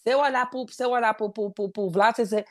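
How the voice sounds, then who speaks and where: Fairly high, jokey Cearense woman. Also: quick pace. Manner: expressive, explaining with jokes. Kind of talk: casual chat.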